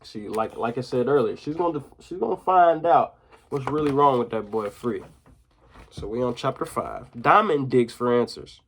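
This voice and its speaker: A man reading a children's chapter book aloud in a mid-range voice, lively in places. He breaks off for relaxed, slangy comments to young listeners. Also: mid-range voice, normal speed, slightly rough. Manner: casual, slangy asides to listeners. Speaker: teacher.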